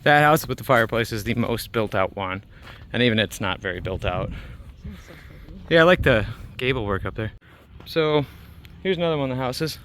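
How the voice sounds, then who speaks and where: A young man tours an abandoned film set for his vlog, chatting loosely with plenty of fillers and casual swearing as he walks, filmed on a handheld camera both outdoors and inside an empty building. His mid-range voice is expressive, a bit bright and at normal speed, with slight background noise.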